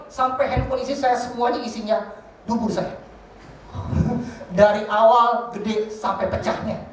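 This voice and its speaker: Man, high voice, animated joking sermon testimony, very echoey hall, heard from afar. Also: far from the mic, slight background noise. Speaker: guest preacher giving testimony. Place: large church hall.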